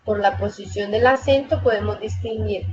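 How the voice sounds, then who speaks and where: A woman's voice: mid-range voice, normal speed, faint music behind. A woman tutor giving an online lecture on spelling rules. She reads slides aloud, works through lists of example words and corrects her own slips as she goes. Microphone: video call microphone. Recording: dull lo-fi video call audio with faint noise.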